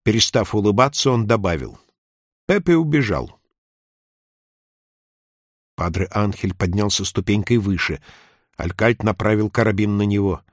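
A man reads an audiobook in a measured, even voice. His pitch sits on the low side. The recording is close and very dry. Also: no echo. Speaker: audiobook narrator. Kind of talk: scripted narration.

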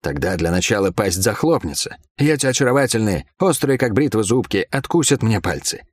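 A man voicing a cool-headed male thief in an audiobook, speaking quietly and without hurry. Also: fairly low pitch, animated, no echo, studio quality. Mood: calm. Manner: quiet, unhurried, understated. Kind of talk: audiobook character voice.

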